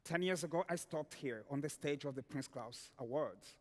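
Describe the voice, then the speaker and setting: A man from the Democratic Republic of Congo, a storyteller giving a slow, declamatory spoken-word performance in a large hall, repeating phrases for effect. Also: fairly high pitch. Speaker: storyteller and dancer. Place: large hall during an awards ceremony. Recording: long reverb of a large hall.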